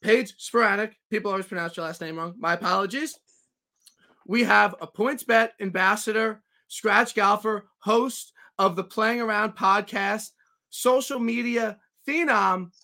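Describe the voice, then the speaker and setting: A man's voice: high-pitched, a little slow, pushed and bright. A man hosting a podcast, chatting casually and teasing his guest with jokes and stammered restarts. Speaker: podcast host.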